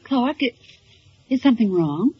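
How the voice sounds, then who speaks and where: A woman's voice: lively intonation, normal speed, husky. An actress playing a persistent, prying female newspaper reporter, in 1940s radio acting. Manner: prying, emphatic, becomes shrill. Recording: dull 1940s radio recording.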